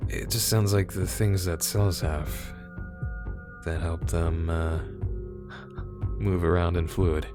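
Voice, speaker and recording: A man's voice: low-pitched, fairly even intonation, slow, pauses often. A male streamer chatting casually while playing a game, rambling and poking fun at himself. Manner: rambling, self-mocking, laughs often. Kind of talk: casual gameplay commentary. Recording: music playing behind.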